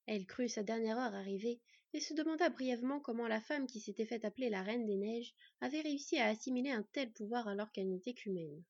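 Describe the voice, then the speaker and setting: Breathy woman reading a fantasy novel. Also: fairly high pitch, fast talker, few pauses, no echo, lo-fi sound. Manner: expressive storytelling, acting out the characters. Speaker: audiobook narrator.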